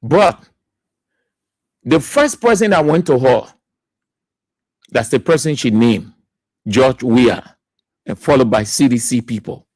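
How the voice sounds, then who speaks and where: A man's voice: mid-range voice, animated, slow, long pauses, a little mellow, dry recording. A Liberian man hosting a radio talk show, giving emphatic political commentary and repeating key words for stress.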